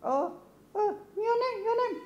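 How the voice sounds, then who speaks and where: A performer voicing Kobon, a timid childlike puppet kid in a children's church puppet act, talking in a squeaky, halting way. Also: lively intonation, a little mellow, muffled recording, heavily acted. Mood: confused.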